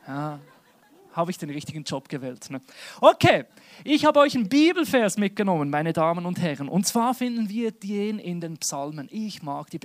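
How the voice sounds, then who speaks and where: A man preaching a lively sermon, joking and speaking straight to the congregation. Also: fairly high pitch. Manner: lively, jokey, addresses listeners directly. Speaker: pastor.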